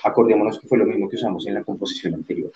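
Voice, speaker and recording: A man's voice: lowish voice, racing, mellow, muffled recording, slight background noise. A man teaching an online art class, explaining as he works and checking in with frequent tag questions.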